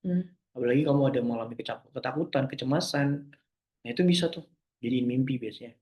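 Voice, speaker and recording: A young man answering listener questions in a casual talk, gentle and reassuring, often forgetting terms and restarting. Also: medium pitch, quick pace, reverberant.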